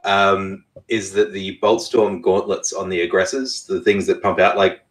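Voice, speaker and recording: A man's voice: low voice, fairly even intonation, a little slow, low-quality recording. A man co-hosting a podcast in casual chat, dropping dry sarcastic remarks. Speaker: podcast co-host.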